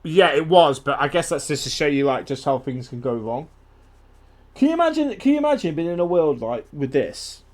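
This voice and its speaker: A young man talks casually as he plays, chatty and swearing freely. His voice sits a touch high and swings widely in pitch. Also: very animated, fairly quick, darkish tone. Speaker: game streamer. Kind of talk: casual gaming chat.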